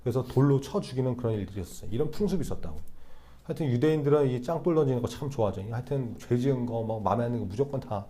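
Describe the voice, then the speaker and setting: Mellow-voiced young male youth preacher. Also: medium pitch, expressive, rapid-fire. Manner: conversational, asks the listeners rhetorical questions. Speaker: youth pastor. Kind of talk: sermon.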